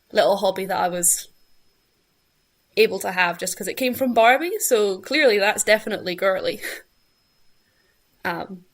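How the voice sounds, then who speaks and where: A woman's voice: medium pitch, gravelly. A young woman with a broad Scottish accent tells a personal anecdote casually, acting out her thoughts as she goes. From Scotland. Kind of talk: casual anecdote in a panel chat.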